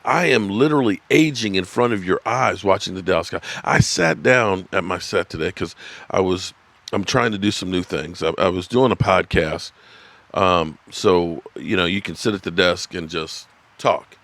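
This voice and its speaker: The voice here is low-pitched and fairly bright, moving at a moderate pace. It belongs to a man in his fifties who hosts a sports channel's live stream, rambling, swearing, and laughing as he goes through viewers' comments at his desk.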